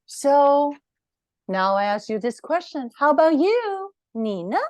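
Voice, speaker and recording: A woman's voice: high-pitched, big pitch swings, takes it slowly, a little mellow, no room sound. A woman, the book's author, reading her picture book aloud to children at storytime, encouraging and asking them questions.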